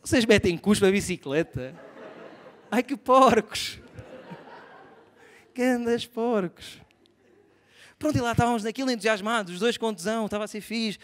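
A young man with a European Portuguese accent doing live stand-up comedy, animated and self-mocking, swinging from soft asides to loud outbursts. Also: high-pitched, moderate pace, long pauses. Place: theatre stage before a live audience.

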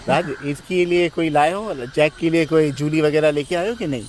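A man's voice: fairly high pitch, normal speed, a little mellow, slight background noise. A middle-aged man hosting a casual outdoor interview, asking curious, chatty questions. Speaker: host interviewer. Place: outdoor dirt yard.

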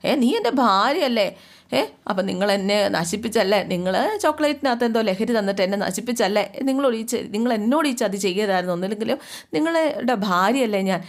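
A woman's voice: medium pitch, lively intonation, fast talker, natural voice. Brief: wronged young wife, voiced by a woman storyteller, pleading and raised. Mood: accusing. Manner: pleading, accusing.

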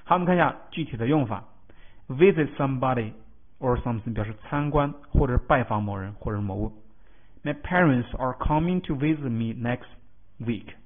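In a recorded English vocabulary lesson, an animated male teacher with an ordinary middle-pitched voice breaks words into their roots and spells out the letters, often pausing to ask a checking question. The audio is thin and tinny, like a phone line.

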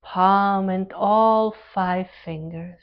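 Calm and gentle, a woman guides a relaxation meditation as the instructor, speaking short phrases with pauses in between. Her medium-pitched voice has a clean tone, though the audio sounds dull.

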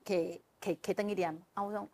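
Woman telling her own story on a talk show, gets animated, laughs a lot. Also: mid-range voice, fairly quick. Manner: animated, often laughing, with vivid emotional retelling. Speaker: guest sharing a personal testimony. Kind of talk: casual spoken storytelling.

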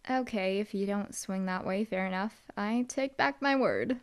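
Playing a hellhound demon bodyguard in an audio roleplay, a young woman gives the character a dry, teasing, laid-back attitude. She speaks a little slowly in a medium-pitched, smooth, natural voice.

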